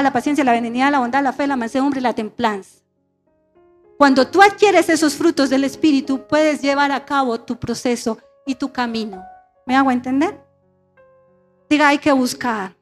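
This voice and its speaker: A middle-aged woman pastor preaching a sermon and calling on her congregation to repeat phrases after her. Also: high-pitched. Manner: call-and-response preaching, asking the congregation to repeat. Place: church sanctuary.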